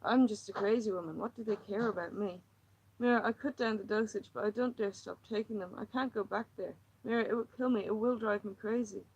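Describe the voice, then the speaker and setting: A woman reading aloud, voicing an anxious, troubled housewife who rambles and pleads, her voice often climbing high. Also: brisk, darkish tone, breathy edge, lo-fi sound. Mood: distraught.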